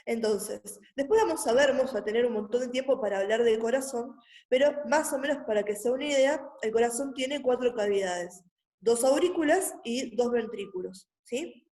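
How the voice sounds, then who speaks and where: Woman, a bit high-pitched, patient lecturer on an echoey video call. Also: moderate pace, a little mellow. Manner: patient, checks in with a constant "¿sí?". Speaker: anatomy teacher. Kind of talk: online anatomy lecture. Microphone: computer mic on a video call.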